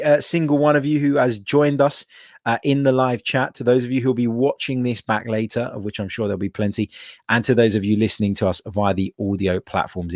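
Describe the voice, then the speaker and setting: A man's voice: medium pitch, a little mellow, no echo, studio quality. A young man from England, hosting a live solo podcast and arguing his points emphatically, often repeating them for effect. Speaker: podcast host.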